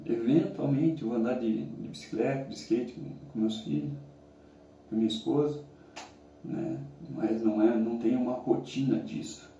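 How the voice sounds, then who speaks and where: A middle-aged man with a Brazilian accent talks casually and reflectively in halting phrases while sitting in ice cold water. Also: medium pitch, mellow, lo-fi sound. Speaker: challenge vlogger. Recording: roomy, echoing, distant mic, faint noise.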